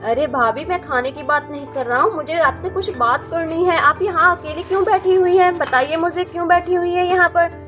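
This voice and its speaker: Village farmer man, reasoning and mediating, pitched high; woman plays him in a doll story. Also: normal speed, over music. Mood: firm. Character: village farmer man, calm head of household. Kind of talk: doll video role-play.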